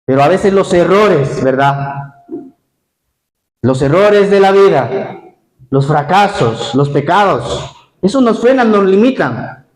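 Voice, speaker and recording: Echoey, higher-voiced preaching pastor. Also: male voice, slow, long pauses. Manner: lively preaching, addresses congregation directly with questions. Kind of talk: sermon. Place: church hall; Spain. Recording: echoey church hall.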